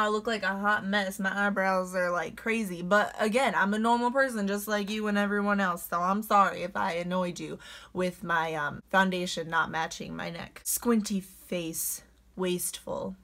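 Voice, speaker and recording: A woman's voice: medium pitch, little pitch movement, moderate pace, a bit bright. A young woman chatting casually in a vlog, reading out comments and answering them with sarcastic, sassy retorts. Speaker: beauty vlogger reading comments.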